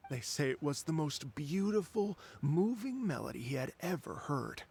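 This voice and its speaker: A man voicing a polite, dreamy wandering musician in a video game, who speaks in a gentle, courteous and wistful way. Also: fairly high pitch, very animated, normal speed, gravelly, husky, heavily acted. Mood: storytelling.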